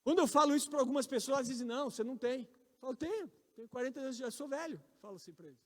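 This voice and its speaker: A Brazilian man in his forties, a pastor, preaching a sermon with emphatic, loud peaks on key words. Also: very high-pitched, racing. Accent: Brazilian Portuguese. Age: 40s. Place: large church hall. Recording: reverberant church hall.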